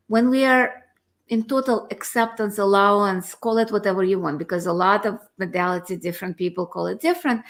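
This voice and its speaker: A woman with a slightly high voice talks slowly on a video call. She muses in a reflective, spiritual way, taking her time between thoughts. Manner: slow, reflective, spiritual musing. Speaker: co-host. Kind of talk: casual conversation.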